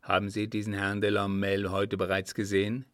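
A man reading aloud and voicing a measured, businesslike court official. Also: fairly low pitch, monotone, no echo, clean studio sound, natural voice. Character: brisk, attentive male court official.

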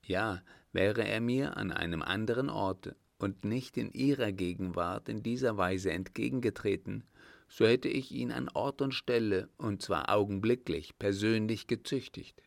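A courteous, proud young army lieutenant, read by a man. His voice is low and gravelly, the delivery slow and measured. It sounds close and dry. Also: dry recording. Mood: earnest.

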